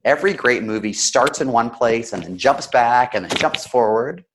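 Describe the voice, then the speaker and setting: A man who is slightly sick, coaching conversationally with examples in a practised storyteller's delivery, with emotion and deliberate pauses. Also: medium pitch, animated, noisy background. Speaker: storytelling coach and interview guest.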